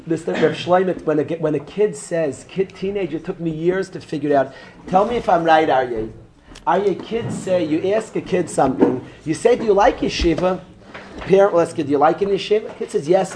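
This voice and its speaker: A man's voice: sits high, a little hiss or hum. A man, teaching an informal Torah class and joking students he calls by name. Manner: animated, joking, talks straight to students by name. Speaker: rabbi teaching a yeshiva class.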